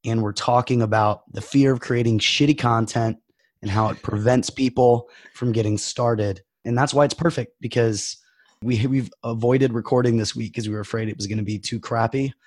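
Casting: man, podcast co-host, hoarse nasal voice, dry close sound. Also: medium pitch, steady tone, normal speed, no echo. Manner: joking, upbeat, powering through. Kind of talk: casual podcast chat.

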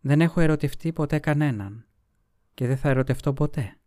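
A man voicing a languid, secretive young noblewoman in a storybook reading, with soft, sighing delivery. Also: a little high, dry recording, clean studio sound, voice pushed up, natural voice. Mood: tender.

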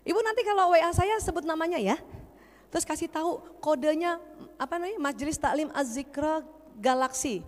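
A woman's voice: high-pitched, fairly quick. Playful woman doctor lecturing in a hall. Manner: playful, teasing, quizzes the audience. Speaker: doctor giving a seminar. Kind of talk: humorous seminar talk to a women's religious group.

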